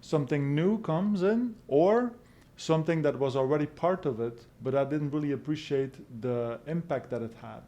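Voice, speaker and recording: A man in his forties from Belgium, a podcast guest explaining his views in a calm, measured way. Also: on the high side, dull audio. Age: 40s. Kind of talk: casual podcast conversation.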